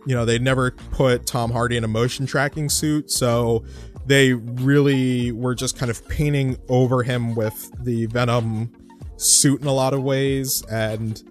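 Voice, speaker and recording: A young man talks through his podcast on his own, casual and chatty, and his voice sits at a middle pitch. He keeps circling back with fillers and restarts as he goes. Soft music plays faintly behind him. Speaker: podcast host. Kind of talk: casual solo podcast talk.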